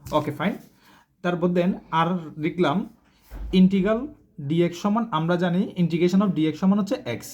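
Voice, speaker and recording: A man's voice: fairly high pitch, a little mellow. A male math teacher speaking Bangladeshi Bengali, who gives a recorded lecture and keeps asking the class questions and answering them himself.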